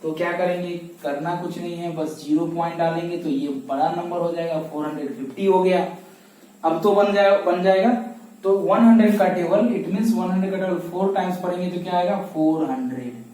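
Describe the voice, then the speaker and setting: A man's voice: sits high, steady tone, fairly quick, dark tone. A man teaching a math lesson step by step, asking questions and answering them himself, recorded from a distance. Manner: asks questions and answers them himself, repeats key steps. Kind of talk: classroom lesson explaining step by step. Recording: echoey room, voice from a distance.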